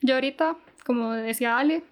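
Woman, young adult, high pitch, calm, podcast guest. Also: fast. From Costa Rica. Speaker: podcast guest, Mandarin teacher. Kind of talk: casual podcast chat.

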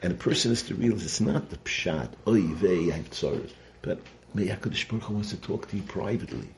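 A man teaching in an informal sermon style, conversational and halting, repeating phrases and checking in with rhetorical questions. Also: fairly low pitch, animated, gravelly, a little hiss or hum. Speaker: rabbi giving a Torah lesson. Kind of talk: informal sermon, Torah lecture.

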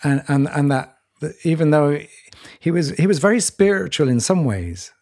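A man co-hosting a podcast, talking reflectively in a halting, searching way with many restarts. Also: a little high, expressive, dark tone. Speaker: podcast co-host. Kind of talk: reflective conversation.

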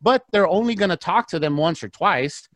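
A man talking through deals as a podcast guest, swinging from hushed asides to emphatic bursts. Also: sits high, expressive, normal speed, no room sound. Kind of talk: casual podcast talk. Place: Arizona.

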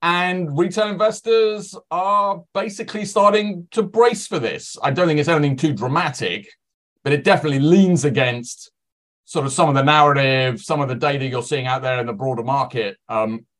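A man's voice: a little high, moderate pace, a bit bright. A man speaking as an analyst on a podcast, giving conversational market commentary. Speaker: financial analyst guest.

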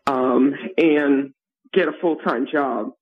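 A middle-aged woman calling in to a radio advice show over the phone, speaking hesitantly with many pauses and ums. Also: very deep voice, husky. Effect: heard over a phone line on a radio show. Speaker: caller to a call-in advice show. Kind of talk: phone-in call. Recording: tinny phone line.

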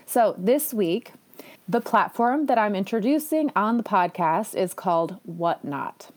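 Hosting her podcast alone, a woman talks in a chatty, enthusiastic style, often poking fun at herself. She has a medium-pitched voice with lively intonation and an unhurried delivery.

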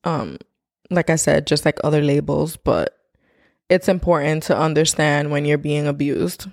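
A woman co-hosting a podcast, chatting in an animated, opinionated way. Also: deep voice, normal speed, dry recording, clean studio sound. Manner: animated, opinionated, laughs often. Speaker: podcast co-host. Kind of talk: casual chat.

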